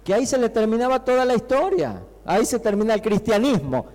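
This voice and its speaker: A man with an Argentine Spanish accent preaching a sermon as a pastor, talking to the congregation with many rhetorical questions and acting out the shouting disciples. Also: very high voice, lively intonation, a little fast. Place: church hall. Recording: long reverb of a church hall.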